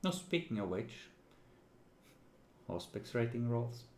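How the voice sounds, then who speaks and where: A man's voice: mid-range voice, very animated, slow pace, a little mellow, echoey room, a little hiss or hum. A man running a tabletop role-playing game as game master, narrating conversationally in a teasing, dramatic way.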